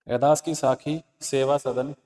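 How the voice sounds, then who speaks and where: A man's voice: medium pitch, steady tone, measured pace, warm tone, big-room sound. A man teaching an exam-prep lesson, repeating key points and quizzing listeners with rhetorical questions. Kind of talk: Hindi exam-prep lesson, explaining answers.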